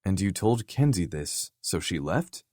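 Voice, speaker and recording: A brash, blunt brother shouts his questions in a raised, pushy voice, put on by a male narrator. The audiobook sound is dry and close. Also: low voice, very animated, measured pace, dry recording. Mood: loud, blunt. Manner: loud, demanding, swearing. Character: loud blunt grown man, brash brother.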